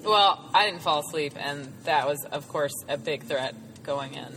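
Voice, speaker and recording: A woman's voice: low voice, moderate pace. A woman in her thirties co-hosting a podcast, chatting and teasing casually from inside a car. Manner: teasing, jokey. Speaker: podcast co-host. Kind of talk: casual chat. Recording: loud road noise behind.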